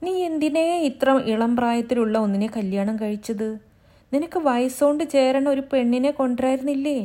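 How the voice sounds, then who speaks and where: Lady doing a wise old granny, calm but firm, tells folks off gently. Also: high-pitched, moderate pace, pitched above the performer's own voice, natural voice. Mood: admonishing. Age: older.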